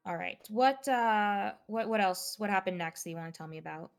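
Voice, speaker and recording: A woman's voice: medium pitch, brisk, vocal fry, clear, resonant tone, faint music behind, lightly acted. A woman in a live game roleplay, voicing a female officer who questions a witness with many fillers. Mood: methodical. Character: methodical female officer taking a statement. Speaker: police investigator questioning a witness.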